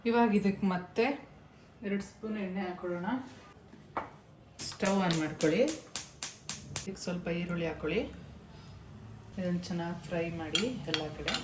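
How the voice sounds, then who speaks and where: A woman's voice: fairly low pitch, steady tone, normal speed, pauses often. A woman with a Kannada accent giving plain, practical step-by-step cooking instructions in her home kitchen. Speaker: home cook demonstrating. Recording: echoey kitchen with cooking noise.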